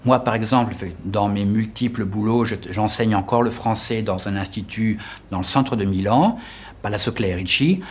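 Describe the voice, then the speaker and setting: Thoughtful Frenchman, lowish voice. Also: moderate pace, a little hiss or hum. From France. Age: middle-aged. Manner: thoughtful, hesitant with restarts. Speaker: French teacher living abroad. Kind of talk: casual interview chat.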